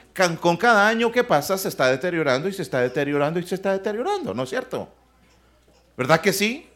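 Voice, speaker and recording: A man preaching a sermon in a church, lively, with humorous asides and questions to his listeners. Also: high voice.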